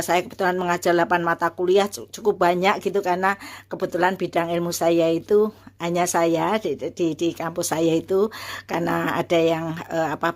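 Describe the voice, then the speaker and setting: Animated middle-aged woman telling a story. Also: lowish voice. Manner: animated, acts out quoted voices, many fillers and restarts. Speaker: university lecturer sharing a personal story. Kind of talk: casual personal storytelling.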